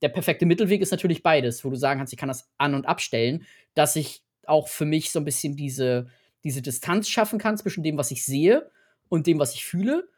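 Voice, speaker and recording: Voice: mid-range voice, expressive, fairly quick, husky. A podcast co-host, chatting casually about films in a hesitant, thoughtful way that searches for words. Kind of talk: casual film chat.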